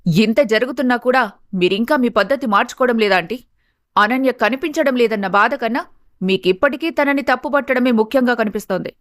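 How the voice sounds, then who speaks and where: A woman's voice: on the high side, brisk, no room sound, clean studio sound, natural voice. Kavya, a heated young friend, as a woman voices her. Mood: indignant. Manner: heated and forceful. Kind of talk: storybook character voice.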